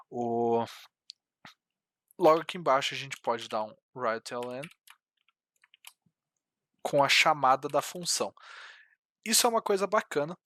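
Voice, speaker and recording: A man's voice: medium pitch, fairly bright tone. A young man from Brazil teaching programming over a screen recording, hesitant with many fillers and restarts. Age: young adult. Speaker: programming tutor. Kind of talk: screen-recorded coding tutorial.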